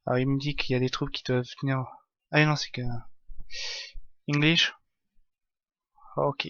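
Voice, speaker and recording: A man's voice: medium pitch, little pitch movement, fairly bright tone, dry recording, dull audio. Hesitant French man streaming a game. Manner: hesitant, many fillers, halting English. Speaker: streamer playing a strategy game. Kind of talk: live game commentary.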